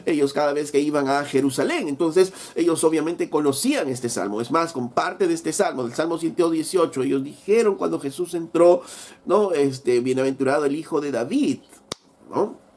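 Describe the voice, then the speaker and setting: A man delivers a sermon in a fairly high voice. He tells the story with animation, asks rhetorical questions and acts out the dialogue of the text. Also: normal speed, darkish tone. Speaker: preacher.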